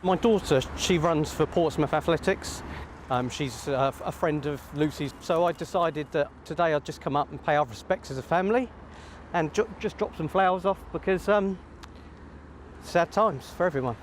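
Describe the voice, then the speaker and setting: A man, a parent, speaking in a hesitant, halting street interview outdoors. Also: on the high side, a little hiss or hum. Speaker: parent of a runner.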